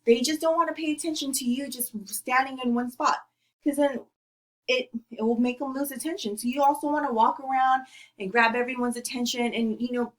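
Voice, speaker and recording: A woman giving an informal presentation speech on public speaking, talking in a chatty way with many fillers and restarts. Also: on the high side. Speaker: student presenter.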